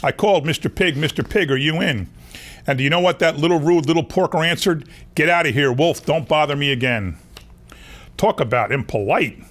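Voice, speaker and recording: A man's voice: fairly high pitch, a little fast, fairly bright tone. A man reading a children's picture book aloud as a wolf who insists he was wronged, in a folksy, confiding way. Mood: aggrieved. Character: wronged, self-excusing male wolf telling his story. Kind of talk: children's storybook narration.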